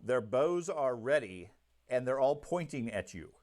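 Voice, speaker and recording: A man running a tabletop roleplaying game as game master, giving calm, matter-of-fact rulings. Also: mid-range voice, a little slow.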